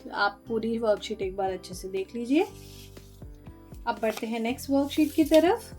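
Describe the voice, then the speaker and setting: A woman's voice: fairly high pitch, expressive, moderate pace, a little mellow, faint music behind. A woman teacher walking through phonics worksheets, sounding out letters one at a time in a patient, explanatory way.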